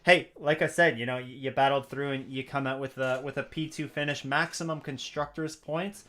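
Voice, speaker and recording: A man's voice: mid-range voice, fairly even intonation, normal speed, fairly bright tone. A man hosting a racing league broadcast, interviewing drivers in an upbeat, rambling way. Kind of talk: post-race interview.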